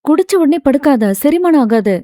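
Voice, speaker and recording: A woman voicing a caring young woman who speaks softly and coaxingly, in a dry, close recording. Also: sits high, animated, moderate pace, dry recording, voice pushed up. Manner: soft, coaxing.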